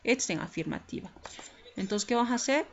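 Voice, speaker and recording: A woman's voice: on the high side, lively intonation, quick pace. A woman teaching English grammar in a recorded lesson, explaining patiently step by step and checking in with her students. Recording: slightly muffled lo-fi recording with faint hiss.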